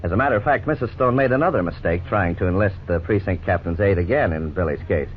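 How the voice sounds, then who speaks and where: On a muffled, thin vintage radio recording with light noise, a male actor voices a lawyer-narrator. He speaks in a low, earnest, explanatory tone with measured 1950s-style scripted authority and light acting.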